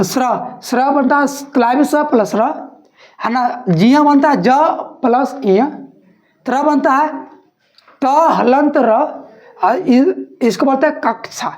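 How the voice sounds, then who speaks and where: A woman's voice: high-pitched, darkish tone. A woman teacher giving an exam-prep lesson, asking questions and answering them herself while repeating each point.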